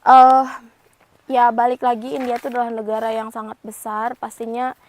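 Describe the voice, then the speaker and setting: A woman's voice: fairly high pitch, little pitch movement, moderate pace, a little mellow. A young woman from Indonesia chatting casually to camera as a vlogger, with frequent fillers and tag phrases. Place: home.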